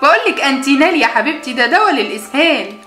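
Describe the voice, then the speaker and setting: A caring Egyptian mother doll speaks quickly in a high, soothing voice with an Egyptian Arabic accent, as a woman acts her out. It is doll play recorded in an echoey room. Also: animated, bright, forceful tone, soft background music.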